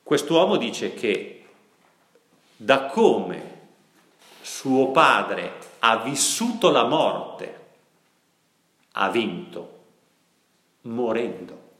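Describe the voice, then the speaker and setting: A man preaching in a church, his voice ringing through an echoey hall. He tells a story and asks his listeners questions, slowing to a crawl on the key words. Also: mid-range voice, sing-song, fairly bright tone. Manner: storytelling, asks the audience questions, slows down for emphasis. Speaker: priest. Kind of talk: sermon.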